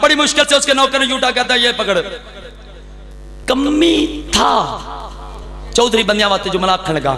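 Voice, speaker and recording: A man's voice: very high voice, expressive, moderate pace, long pauses, bright, forceful tone, reverberant. A man preaching to a gathering, acting out the voices in his stories and calling on the crowd to answer him. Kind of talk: religious speech at a gathering.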